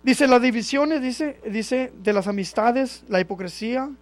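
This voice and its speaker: High-voiced man teaching a Bible study. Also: unhurried. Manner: keeps checking in with listeners, asking "right?"; reads scripture aloud and then comments on it. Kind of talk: conversational Bible teaching to a congregation. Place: church in California.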